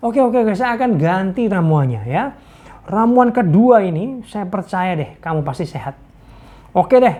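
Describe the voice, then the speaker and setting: A woman's voice: mid-range voice, animated, a little slow, mellow. A woman preacher giving a casual devotional sermon, exhorting and telling stories with frequent laughter. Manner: storytelling, exhorting; laughs often.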